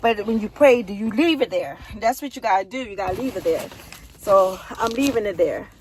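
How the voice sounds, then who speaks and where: A woman's voice: mid-range voice, expressive, fairly quick, darkish tone. A young woman chatting casually to her phone camera, telling a story and calling her viewers y'all. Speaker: vlogger. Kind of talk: casual chat. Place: outdoors on a city street and in a car. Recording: faint street and car noise.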